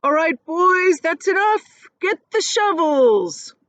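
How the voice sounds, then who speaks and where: A woman voicing a band of hairy male cloud giants who chant slowly and shrilly in a storybook reading. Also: extremely high pitch, very animated, a bit bright, dry recording, pitched above the performer's own voice, heavily acted. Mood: bossy.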